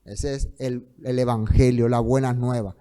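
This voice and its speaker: A man teaching a Bible study in sermon style, emphatic, with loud stresses that fall to soft trailing phrases, slowing down to read scripture. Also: mid-range voice, level tone, clean tone. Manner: slows down to read scripture aloud.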